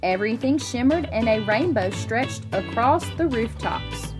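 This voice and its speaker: A woman reading a children's picture book aloud in an expressive storytelling way, drawing out the ends of phrases. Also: on the high side, a little slow, over music. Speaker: storybook reader.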